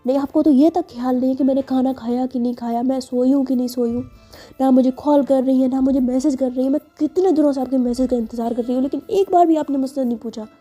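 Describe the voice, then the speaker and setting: A woman voicing an angry young woman who scolds her partner in rapid, indignant bursts. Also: high-pitched, dark tone, faint music behind, voice pushed up, natural voice. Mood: furious.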